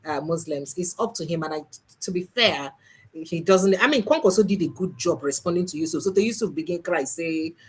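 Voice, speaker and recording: A woman's voice: on the low side, fairly quick, slightly rough. A Nigerian woman hosting a political commentary livestream, emphatic and slipping into Pidgin. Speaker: livestream host.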